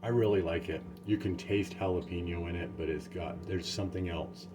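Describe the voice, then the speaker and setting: A man with a very low voice chats loosely about his garden, drifting through thoughts with plenty of ums. The recording carries a steady background noise throughout. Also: brisk. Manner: easygoing, rambling, many fillers. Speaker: home gardener reviewing peppers. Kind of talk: casual tasting vlog. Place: home and backyard garden.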